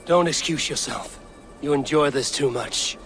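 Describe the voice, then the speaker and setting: A stern, commanding Viking warrior. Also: male voice, a little high, unhurried, a bit bright. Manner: terse, authoritative. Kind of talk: video game cutscene acting. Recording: music under dialogue.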